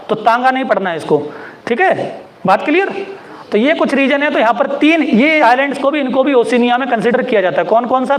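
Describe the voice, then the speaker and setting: High-voiced man teaching with a quizzing manner. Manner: quizzes students with repeated questions, jokes about mispronunciations. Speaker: geography teacher. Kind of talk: classroom lecture at a map.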